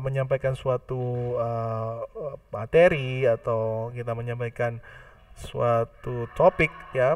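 A man's voice: mid-range voice, no room sound, recorded from a distance. Man lecturing, set back from the mic. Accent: Indonesian. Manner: mixes English phrases into Indonesian, many fillers. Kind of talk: online class lecture.

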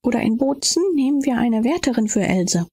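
An impatient young man speaks briskly and curtly in an audiobook, as a woman reads him. The voice is very husky and breathy, slightly gravelly. The recording is dry and close. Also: a little high, lively intonation, mellow, no room sound, pitched above the performer's own voice.

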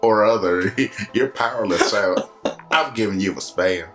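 A very old male talking sword from a video game , acted out by a man, low and slow. He is stern, curt and condescending, with game music playing behind him. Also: fairly bright tone. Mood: stern, instructive. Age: very old man, as played. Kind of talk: amateur voice acting of game dialogue.

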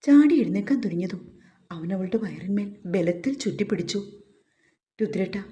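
Mellow woman reading a story. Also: mid-range voice, a little fast. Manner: steady, even storytelling. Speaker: story narrator. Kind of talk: scripted story narration.

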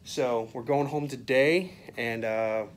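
A man in his thirties giving a casual, conversational video update to camera, speaking haltingly into a phone at arm's length. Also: medium pitch. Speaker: vlogger, patient. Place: small hospital room, indoors. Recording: phone audio with faint room noise.

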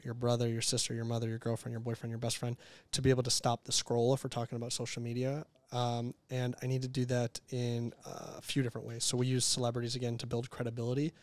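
A man in his thirties, an entrepreneur guest talking candidly in a casual interview, animated and quick to act out quotes. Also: mid-range voice, no room sound. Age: 30s.

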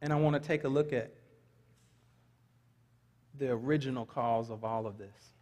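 A middle-aged pastor with a medium-pitched, darkish voice preaches at a moderate pace in a large church sanctuary, reading scripture aloud and adding light asides to the congregation. The large hall gives a long reverb.

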